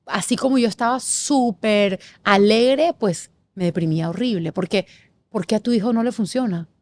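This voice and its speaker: Middle-aged woman from panama, interview guest, animated storytelling, lots of quick lists, normal pitch. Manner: expressive, animated, lists things in rapid series.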